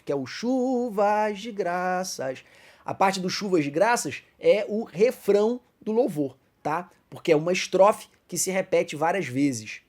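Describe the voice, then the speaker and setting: A man with a Brazilian Portuguese accent teaching a Bible class lesson, explaining step by step, calling listeners brothers and slowing down to recite verses. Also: high-pitched, darkish tone. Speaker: Sunday school teacher.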